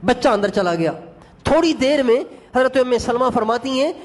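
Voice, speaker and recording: Male preacher with a high voice, emotive sermon storytelling, speaks straight to the congregation. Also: lively intonation. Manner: emotive, addresses the congregation directly.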